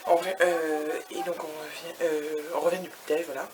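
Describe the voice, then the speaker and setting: A woman with a low-pitched, flat voice talks fairly quickly in a casual vlog from her hotel room, chatting and rambling. She sprinkles English words into her speech and occasionally drops to a whisper, with crowd noise in the background.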